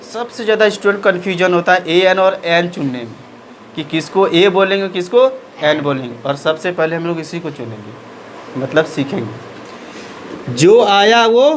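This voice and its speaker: A man's voice: high-pitched, lively intonation, unhurried, a little hiss or hum, low-quality recording. A man teaching a maths lesson in speech, asking questions and answering them himself.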